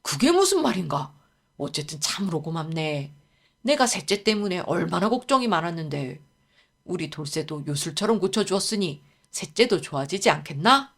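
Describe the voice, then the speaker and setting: A woman's voice: lowish voice, big pitch swings, normal speed, fairly bright tone, exaggerated voice. Woman doing a hearty old nobleman. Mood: grateful. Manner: hearty, chuckling speech. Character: older male noble landlord, hearty and grateful.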